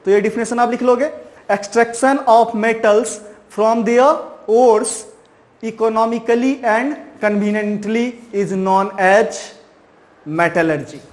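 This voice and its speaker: A man's voice: extremely high pitch, a little mellow. A man teaching a science lesson, repeatedly asking his own questions and answering them, then ending points with "right". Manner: repeats key terms slowly, ends points with "right". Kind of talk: chalk-and-talk science lesson.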